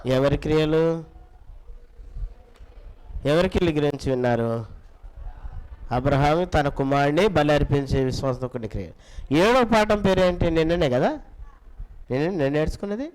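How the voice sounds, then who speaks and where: A man's voice: a little high, animated, normal speed, pauses often, poor audio. Man coaxing a children's class. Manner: coaxing, repeats questions, urges children to answer loudly. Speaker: Bible school teacher. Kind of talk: teaching children, quizzing the class.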